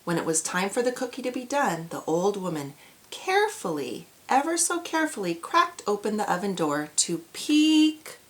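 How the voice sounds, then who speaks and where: A woman's voice: mid-range voice, big pitch swings, moderate pace. A woman reads a picture book aloud to young children. Her delivery is exaggerated and cheery, aimed squarely at little kids, with questions for the listeners along the way. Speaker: storyteller reading to children. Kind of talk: animated children's read-aloud.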